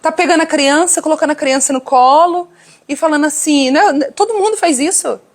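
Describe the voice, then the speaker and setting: Brazilian lady preaching to the girls on a live stream, animated, slightly high voice, talks right at her viewers. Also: a little fast. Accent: Brazilian Portuguese. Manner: animated, addresses viewers directly, acts out quoted voices.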